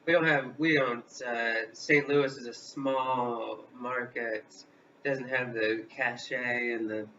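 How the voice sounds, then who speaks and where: A man in his thirties rambles through a comic chat as co-host, full of fillers, halting restarts and detours. His voice is bright and forceful. He sits far from the mic, so the sound is dull and lo-fi, with a faint hiss behind it. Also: medium pitch, steady tone. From Illinois, US Midwest. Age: 30s. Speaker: co-host of a live vlog.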